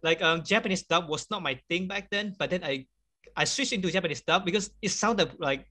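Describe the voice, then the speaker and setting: As an interview guest, a man whose first language is Chinese chats casually in a high-pitched, sharp voice. He laughs a lot and fills his pauses with "like" and "um."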